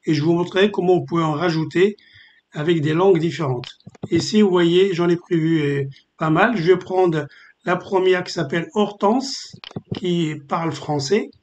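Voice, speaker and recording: A man presenting a screen-recorded software tutorial, explaining step by step with frequent filler pauses. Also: fairly high pitch, highs cut off, a little hiss or hum. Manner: hesitant, many filler pauses.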